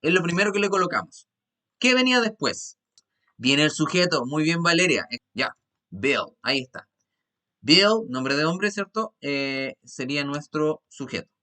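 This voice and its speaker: A man with a Chilean Spanish accent and a bright, somewhat high, expressive voice teaches an English class online. He patiently goes step by step, repeating "¿ya?" to check everyone follows, and switches from Spanish into slow, careful English for the example sentences.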